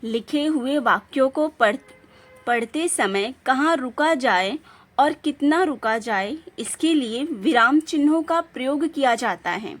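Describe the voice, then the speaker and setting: A woman teacher giving a patient lesson, reading example sentences aloud with clear emphasis. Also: high-pitched, expressive, a little slow. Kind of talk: classroom lesson explaining punctuation.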